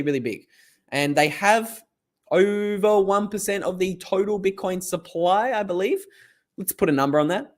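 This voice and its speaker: A man with an Australian accent hosting a casual live stream, hoarse from a lost voice, rambling and chatty as he reads viewer comments aloud. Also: sits high.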